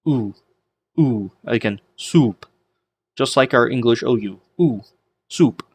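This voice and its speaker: Man, teacher, slow deliberate pace, repeats drawn-out vowel sounds, self-deprecating asides. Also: mid-range voice, darkish tone, breathy edge. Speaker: Greek teacher. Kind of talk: informal recorded lesson.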